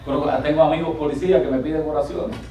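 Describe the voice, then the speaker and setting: A male pastor delivers a sermon in an animated way and climbs to loud, ringing exclamations. His voice sits a little high for a man. The sound is echoey and distant, picked up from across a large church hall with faint room noise. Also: fast. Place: church sanctuary.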